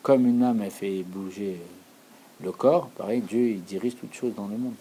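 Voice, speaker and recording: Mellow-voiced male Torah teacher. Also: fairly low pitch, moderate pace, a little hiss or hum, poor audio. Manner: earnest, repeats key phrases for emphasis. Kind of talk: explanatory Torah lesson.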